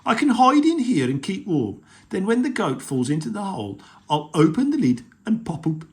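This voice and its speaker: A storyteller voicing a timid male troll in a children's storybook, with a small, high, shaky voice. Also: very animated, moderate pace, darkish tone, natural voice. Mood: eager. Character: timid male troll who hides in a chest. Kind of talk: storybook read-aloud.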